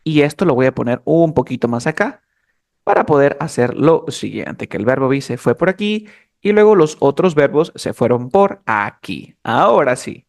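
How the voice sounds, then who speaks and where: A man explaining English grammar as a teacher, animated and talking straight to his students. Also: medium pitch, moderate pace, creaky. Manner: animated, addresses students as "chicos". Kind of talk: lesson explanation.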